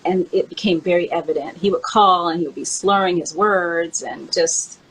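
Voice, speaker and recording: Her voice is on the low side and a bit bright, with a breathy edge, at normal speed over a rough recording. She's a memoir author hosting a favorite-songs countdown, talking casually and recalling personal memories in a frank, conversational manner.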